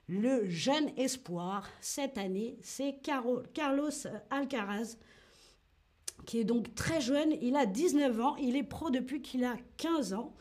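A high-voiced woman leads a live online French lesson. She keeps it lively, acts out tennis strokes with short grunts, and turns to greet and answer viewers in the chat by name. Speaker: French teacher.

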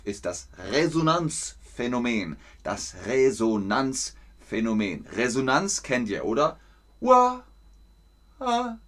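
Teaching German on a stream, a man speaks at a fairly low pitch, keeping things slow and clear. He says words more than once for his learners and throws in animated sounds and laughter.

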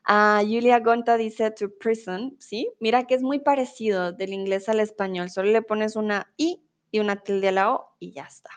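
A woman's voice: medium pitch, fairly even intonation, moderate pace. A young woman teaching a live online Spanish lesson, reading out viewers' comments with patient encouragement and frequent laughter.

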